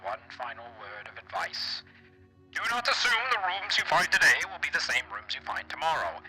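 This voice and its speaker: A man puts on a stately old gentleman whose letter crackles out as if played on an old gramophone. The voice is very bright and cutting, and the reading runs formal and measured, with lively rises and falls in pitch. Faint music plays behind him. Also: exaggerated voice. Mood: solemn. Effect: old gramophone-style filter. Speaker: streamer reading a game letter.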